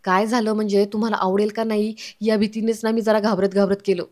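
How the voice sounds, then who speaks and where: A woman's voice: medium pitch, level tone, fast talker, a little mellow, lightly acted. A woman voicing an older grandfather who talks in a chatty, reflective way as she retells a family serial. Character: grandfather, older man, fond of cooking.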